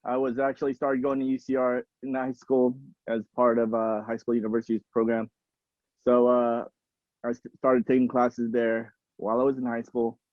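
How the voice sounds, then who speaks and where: A middle-aged man introduces himself on a video call, a little awkward and halting. His voice is flat and monotone, and the call audio is dry and muffled. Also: medium pitch, no echo. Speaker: alumni guest.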